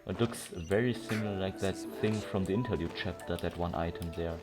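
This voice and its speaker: Speaking fairly quickly in a low voice, this streamer chats through his playthrough off the cuff, occasionally voicing lines of dialogue. Clear game music runs underneath.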